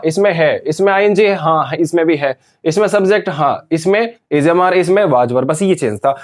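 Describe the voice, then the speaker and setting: A man giving a grammar lecture to students, repeating key points and calling them dear children. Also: on the high side. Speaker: grammar teacher. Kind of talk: classroom lecture.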